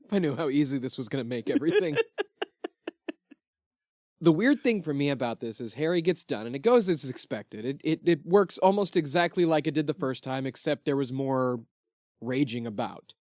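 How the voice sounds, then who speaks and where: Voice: mid-range voice, animated, a little mellow, no room sound. Podcast co-host, casual book chat, laughs a lot, dry close sound. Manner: quick, laughing, swears casually.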